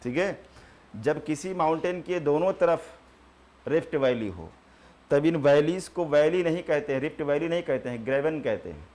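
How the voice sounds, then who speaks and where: A man teaching a geography class, repeating terms slowly for notes and answering his own questions. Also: on the high side, animated, a little mellow. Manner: repeats key terms slowly for students to write.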